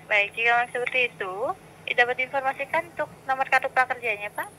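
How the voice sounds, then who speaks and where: A woman's voice: a little high, fast talker, sharp tone. A woman in a polite, formal customer service voice, working through scripted help on a call. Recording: phone call recording with clear background noise.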